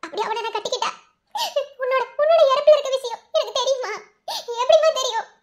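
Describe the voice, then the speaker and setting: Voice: extremely high pitch, steady tone, a little fast, fairly bright tone. A performer voicing a young college woman, emotional and anxious, speaking with a Madurai Tamil accent. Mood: pleading. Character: young woman college student, frightened and tearful.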